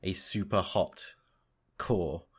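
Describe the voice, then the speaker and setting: Slow and slightly rough, this young man's low voice carries a casual podcast conversation as co-host. He explains science news by thinking out loud, frequently starting over.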